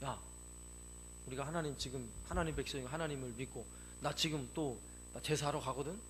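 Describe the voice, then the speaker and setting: A man's voice: fairly quick, background noise, natural voice. Scoffing ancient men, as a male preacher puts them on. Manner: scoffing, offhand, low mutter. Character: scornful ancient men mocking their offerings.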